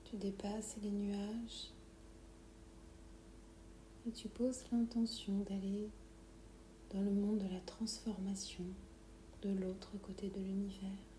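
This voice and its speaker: A woman softly whispering a guided meditation in a breathy, soothing, calming way, as if right in the listener's ear. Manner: slow, calming, soothing instructions. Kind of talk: guided meditation, soft whispered ASMR-like delivery. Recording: roomy echo, low background rumble noise.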